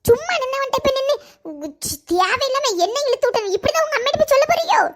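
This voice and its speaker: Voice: very high-pitched, animated, fast talker, a little hiss or hum. A voice actor playing a moody young village woman who scolds and grumbles, with a Kanyakumari Tamil accent. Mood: angry. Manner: grumbling, scolding and self-pitying.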